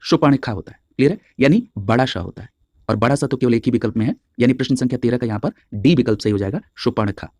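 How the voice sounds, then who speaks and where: A male teacher giving an exam-prep spelling lesson, spelling words out slowly letter by letter and checking in with "clear?" after nearly every point. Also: mid-range voice, a little mellow, dry recording. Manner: drills each answer, checks with a constant "clear?".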